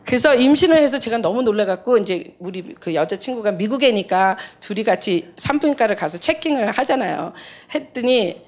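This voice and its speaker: A middle-aged woman shares a testimony from the pulpit, her voice sitting a touch high and swinging widely as she tells the story. She slips into the voices of the people in it and talks with an easy, animated warmth. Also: brisk. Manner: animated storyteller, acts out dialogue with big pitch jumps and laughter. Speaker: missionary giving a testimony.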